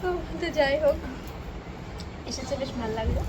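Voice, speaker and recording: A woman's voice: high voice, a little fast, noisy background. A young woman, chatting casually and rambling through stories for her vlog. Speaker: vlogger. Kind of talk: casual vlog chat and voice-over.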